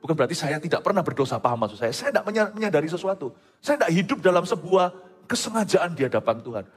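A man's voice: fairly high pitch, sing-song, fast, breathy edge. A middle-aged man, preaching a sermon in a conversational way, often checking whether the congregation follows him and slipping in English phrases. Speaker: pastor. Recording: echoey hall with faint music.

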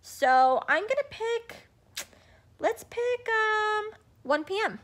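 A woman's voice: very high-pitched, sing-song, slow, a bit bright. A woman in her thirties vlogging casually into a phone camera at arm's length, chatty and upbeat with plenty of ums, first at home and then in her car. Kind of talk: casual vlog walkthrough.

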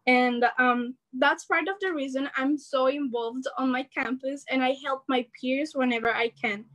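High-pitched teen girl giving an earnest speech from her bedroom, laptop webcam on a video call. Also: normal speed, poor audio. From El Salvador. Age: teens. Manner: earnest, animated, gestures while speaking. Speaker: student organizer giving a rally speech. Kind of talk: prepared speech. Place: bedroom at home.

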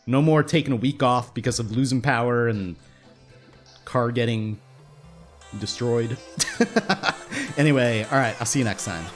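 This is a young man talking through a video game, casual and upbeat, often stopping to correct himself mid-sentence. His voice is slightly hoarse, as if he's losing it. Soft game music plays quietly beneath him. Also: medium pitch, normal speed. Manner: rambling, self-interrupting, upbeat. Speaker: gaming YouTuber. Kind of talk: casual let's-play commentary. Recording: faint game music behind.

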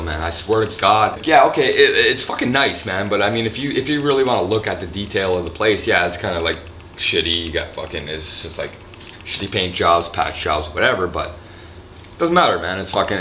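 A slightly drunk man with a raspy throat, rambling and swearing loosely in a casual vlog, filmed on a handheld camera in a resort hotel room. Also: fairly low pitch, pushed and bright, slight background noise. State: a little drunk. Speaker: vlogger. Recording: echoey room with faint ambience.

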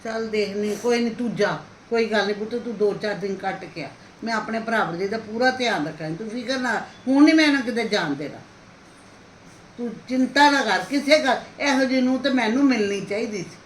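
Soft-spoken auntie comforting her niece-in-law, woman doing it, a little high, echoey room. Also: brisk, lightly acted. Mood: soothing. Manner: consoling, quiet and gentle. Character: middle-aged aunt, soothing, indignant at relatives. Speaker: paternal aunt in a family skit. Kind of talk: homemade family drama. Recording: echoey room, faint hiss.

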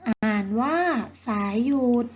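A woman teacher reading vocabulary words slowly and carefully to children, saying each word twice. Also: muffled recording. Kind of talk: slow vocabulary lesson for children.

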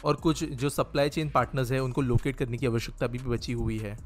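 A man narrating a scripted news explainer in a steady, informative way. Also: medium pitch, brisk, soft background music.

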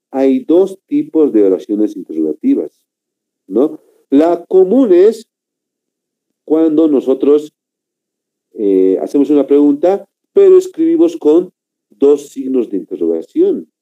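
Slow, dark-voiced male teacher lecturing. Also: mid-range voice. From Bolivia. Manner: slow, repetitive, keeps asking "¿no?" and addressing "señores". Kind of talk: classroom lecture. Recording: dull lo-fi recording.

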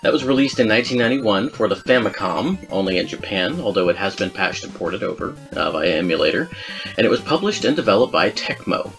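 A man with a fairly low voice hosts a podcast about video game music. He talks casually, mocks himself and laughs often. Faint music plays underneath. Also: expressive, fairly quick, fairly bright tone. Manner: chatty and self-mocking, laughs often, hums melodies. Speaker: podcast host.

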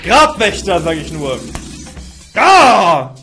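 A young man streaming and commenting live on a video game, expressive, often tripping over repeated words. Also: high-pitched, normal speed, faint music behind. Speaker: let's-play streamer.

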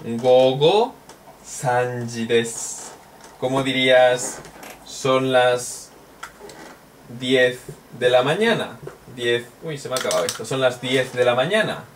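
Slow-talking male language teacher. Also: mid-range voice. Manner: slow, repeats drill phrases, jokes and laughs. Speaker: Japanese teacher. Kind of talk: recorded language lesson. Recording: distant mic with faint noise.

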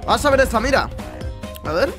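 A man's voice: extremely high pitch, very animated, brisk, over music. A young man from Spain with a Spanish accent, reacting to gameplay clips, exclaiming, laughing and swearing as he goes. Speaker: gaming YouTuber reacting to clips. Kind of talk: excited gameplay reaction commentary.

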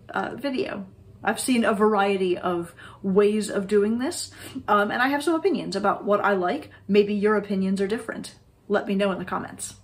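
Woman in her forties, oboe teacher, thoughtful explanations, small home room. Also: medium pitch. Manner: thoughtful, explanatory, with frequent ums and restarts. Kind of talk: instructional video.

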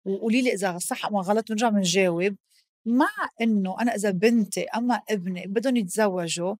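A woman's voice: medium pitch, quick pace, a little mellow, no room sound, studio quality. A woman with a Lebanese accent hosting a podcast, talking in a heartfelt, emphatic way and mixing in English phrases. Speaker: podcast host. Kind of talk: casual podcast chat.

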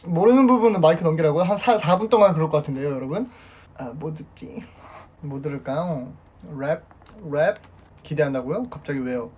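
A man's voice: fairly high pitch, a little fast, a little mellow, breathy edge. A young man in his twenties hosting a casual live stream, reading viewer comments aloud in a playful way and laughing often. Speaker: idol band member hosting a solo live stream. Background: music playing.

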